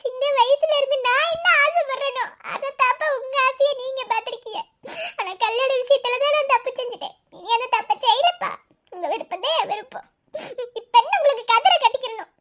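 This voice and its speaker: A woman's voice: brisk, fairly bright tone. A woman voicing a devoted young village daughter in a cartoon, speaking with a Madurai Tamil accent in an emotional, pleading way. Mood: tearful. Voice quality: very high, girlish. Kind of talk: cartoon voice acting.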